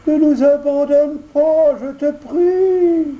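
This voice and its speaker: A man's voice: very high voice, fairly even intonation, slow pace, highs cut off, voice pushed up. A man voicing a sly old fox beggar in a storybook reading, with a tearful, pleading whine. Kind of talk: audiobook character voice.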